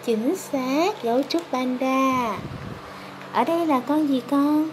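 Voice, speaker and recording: A high-pitched woman with a southern Vietnamese accent reads to a toddler as a mother would. She asks simple questions and confirms each answer encouragingly. It is a slightly noisy home phone recording. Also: slow pace. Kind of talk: reading an animal picture book to a toddler, quizzing. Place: hard-tiled room at home. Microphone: handheld phone camera.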